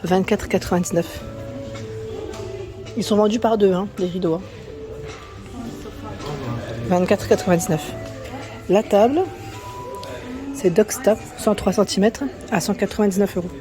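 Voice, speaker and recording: A woman's voice: medium pitch, fairly even intonation, unhurried, pauses often, over music. Chatty woman touring a furniture store. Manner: chatty, reads out prices and sizes, many tag-on fillers. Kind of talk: casual walkthrough chat. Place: inside a large furniture store.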